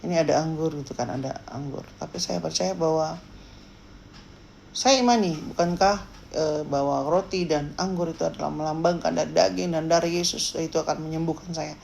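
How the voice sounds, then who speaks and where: A woman's voice: low-pitched, normal speed, creaky, a little hiss or hum. A woman preaching a sermon, animatedly acting out the story. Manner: animated, acts out scenes with shifting voices.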